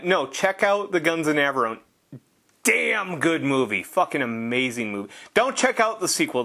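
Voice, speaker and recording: A man talking over his gameplay in a rambling, sarcastic way, swearing freely. His voice sits a little high for a man and swings widely in pitch. It sounds loose and off-the-cuff. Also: fairly bright tone. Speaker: gameplay commentator. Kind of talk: casual gameplay commentary.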